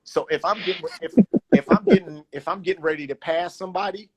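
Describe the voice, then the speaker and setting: A man talking casually as a guest roller skater, in an animated way, with loose slang and a habit of restarting phrases. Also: sits high, quick pace, slightly rough. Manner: animated, loose slang, restarts often, says "you know what I'm saying". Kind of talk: casual conversation.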